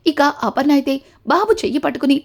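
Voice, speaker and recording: A woman narrating a steady, story-style recap of a TV serial episode, linking each event to the next. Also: high-pitched, brisk, vocal fry. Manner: steady retelling, links events with repeated connectives.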